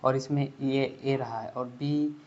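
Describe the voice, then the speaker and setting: A man with a Hindi accent teaches English pronunciation in a steady mid-pitched voice. He explains each rule step by step, repeats the example words and keeps checking that students follow. The recording sounds a little dull and lo-fi. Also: unhurried. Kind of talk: spoken English lesson.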